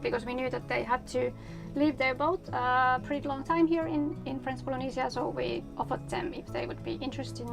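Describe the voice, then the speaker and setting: A woman's voice: high-pitched, expressive, fairly quick, gravelly. A woman from Finland, a native Finnish speaker, chatting casually in English as an interview guest. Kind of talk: casual conversation. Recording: music in background.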